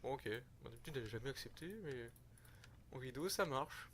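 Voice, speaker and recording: A man's voice: mid-range voice, brisk, a little hiss or hum. A young man giving rambling, slangy, self-mocking commentary over a strategy game he is playing. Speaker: gaming youtuber. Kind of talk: casual gameplay commentary.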